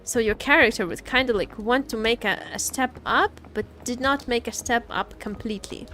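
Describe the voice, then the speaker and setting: A game livestreamer talks to her chat in a fairly high, bright, pushed voice at a normal speed. Her commentary is casual and playful, and she often repeats words and phrases while faint game music plays behind her.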